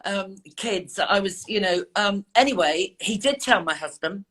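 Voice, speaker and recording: A woman's voice: mid-range voice, expressive, a little slow, fairly bright tone. An older woman, a guest on an interview, earnestly recounting a painful personal experience and quoting the people she spoke to. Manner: earnest, quotes others' words in her retelling. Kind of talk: emotional personal account.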